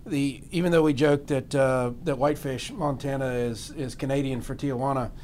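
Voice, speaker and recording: A man's voice: mid-range voice, fairly even intonation, normal speed, a little mellow, a little hiss or hum. A man chatting as a guest, joking and laughing as he talks. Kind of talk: casual chat.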